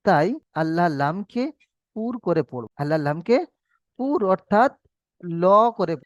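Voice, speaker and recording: A man's voice: high-pitched, animated, a little slow, a little mellow, no echo, clean studio sound. A man teaching Quran reading in a recorded online lesson, patiently drilling rules over and over and drawing out his recited examples.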